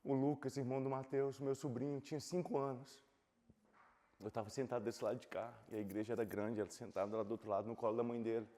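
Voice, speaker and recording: A pastor in his forties preaching a sermon with a personal testimony, swinging from loud impassioned preaching to hushed confession. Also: mid-range voice, steady tone, fast. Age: 40s. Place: church sanctuary. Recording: long reverb of a church hall.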